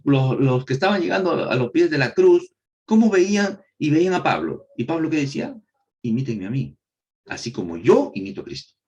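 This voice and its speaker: Male Bible course teacher with a swinging, animated pitch. He quizzes the class with questions he answers himself and repeats points for emphasis. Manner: asks rhetorical questions and answers them himself; repeats key phrases for emphasis. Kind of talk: recorded Bible lesson.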